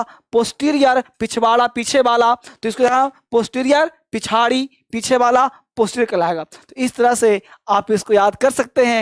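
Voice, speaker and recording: A man teaching an English lesson, drilling word lists at a brisk clip and calling his students kids. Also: very high-pitched, dry recording, studio quality. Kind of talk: spoken grammar lesson.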